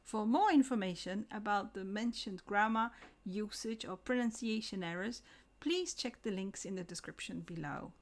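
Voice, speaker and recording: A woman giving a scripted English lesson, slowing down to pronounce example words carefully. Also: mid-range voice. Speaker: English teacher.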